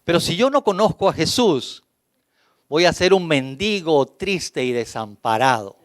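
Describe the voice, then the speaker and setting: A man's voice: a little high, expressive, a little slow, no room sound, clean studio sound. A man with a Peruvian Spanish accent preaching a sermon as pastor, emphatic and building through long lists. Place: church.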